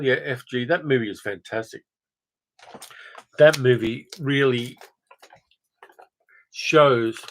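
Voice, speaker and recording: Rambling middle-pitched man on a livestream. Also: rough recording. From Australia. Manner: rambling, conversational, frequent fillers. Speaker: film channel host. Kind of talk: casual livestream chat reading viewer comments.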